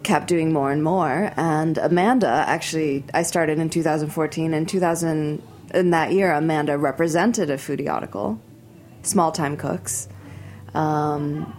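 A woman guest on a radio show, chatting casually and quickly about the food events she co-organizes. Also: sits low, a little mellow, slight background noise. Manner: quick, chatty, many fillers.

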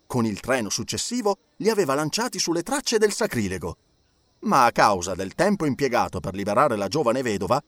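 A man narrating an audiobook in an expressive, lively reading style. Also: fairly high pitch, no echo. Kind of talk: scripted narration.

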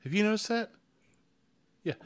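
A man's voice: medium pitch, animated, brisk, fairly bright tone. A man co-hosting a casual podcast, teasing the others and egging them on. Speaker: podcast co-host. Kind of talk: casual chat.

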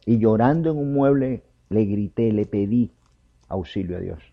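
A man's voice: lowish voice, lively intonation, normal speed, vocal fry. A man preaching a fervent personal testimony, speaking straight to the listener and calling him brother. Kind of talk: emotional testimony and exhortation. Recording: dull lo-fi recording.

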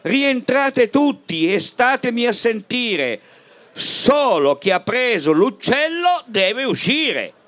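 A woman's voice: on the high side, big pitch swings, takes it slowly, voice pushed up. A woman voicing a flustered old male parish priest who scolds his congregation from the pulpit in a recited comic poem. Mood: scolding.

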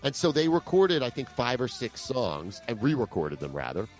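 A man's voice: medium pitch, huge pitch swings, moderate pace. A man co-hosting a podcast, casually chatting and sharing music trivia. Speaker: co-host of a music countdown podcast. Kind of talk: casual chat.

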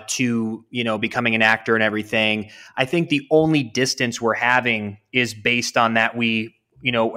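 A man's voice: medium pitch, pushed and bright. A man in his thirties, a podcast guest, talking in a rambling, enthusiastic way with many restarts. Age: 30s. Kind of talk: casual interview chat.

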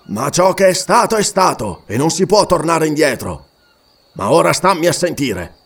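A calm, commanding older hunter making his case, as a man reads him in an audiobook. The delivery is measured and earnest with a lively, high-set voice. He sounds steady and persuasive. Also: slightly rough, exaggerated voice.

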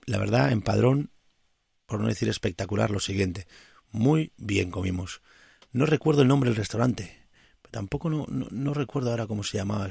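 A man's voice: lowish voice, gravelly, slightly rough, no echo, studio quality. A man from Tarragona, a podcast host, casually recounting a pilgrimage stage with many restarts and self-corrections. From Tarragona, Spain. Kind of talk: casual travel storytelling.

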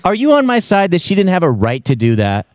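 A man hosting a morning radio show, joking and telling stories in a teasing, animated way. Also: sits high, fast, no room sound, studio quality. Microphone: studio mic.

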